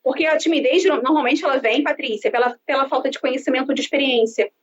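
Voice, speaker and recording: Brazilian woman, 30s, sales consultant; outgoing, animated talker; high voice, dull lo-fi call audio. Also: quick pace, crowd noise. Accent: Brazilian Portuguese. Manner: expansive, lively, self-described outgoing talker. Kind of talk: conversational interview on a live stream. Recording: dull lo-fi sound with faint background noise.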